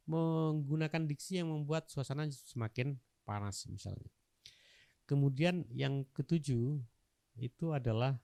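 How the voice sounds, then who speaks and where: A man's voice: medium pitch, gravelly, mellow, no room sound, studio quality. A man teaching facilitation skills, listing his points one by one and repeating key phrases. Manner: lists numbered points, repeats phrases, ends with "gitu loh"; acts out harsh critics in a raised voice. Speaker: facilitation trainer. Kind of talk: spoken training lesson.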